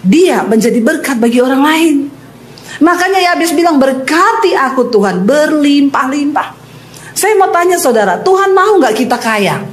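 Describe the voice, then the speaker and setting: A woman pastor preaching a lively sermon to a congregation, acting out the people in her stories and putting questions to the listeners. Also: high-pitched, normal speed, echoey room, a little hiss or hum. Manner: animated preaching, acting out quoted voices, asks the congregation questions. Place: church with congregation.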